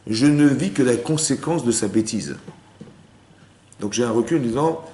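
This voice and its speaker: A man's voice: mid-range voice, normal speed, dark tone. A man, a rabbi, giving a spoken Torah lesson to a women's class. He mixes Hebrew terms into his talk and keeps asking his listeners if they understood. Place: lecture room with listeners. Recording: roomy room with faint background noise.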